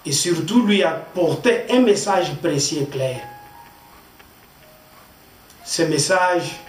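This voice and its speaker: Man, Congolese pastor, measured sermon delivery, high voice, echoey room off-mic, faint music behind. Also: recorded from a distance. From Democratic Republic of the Congo. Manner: deliberate, pausing between short phrases. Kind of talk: slow measured sermon with scripture reading.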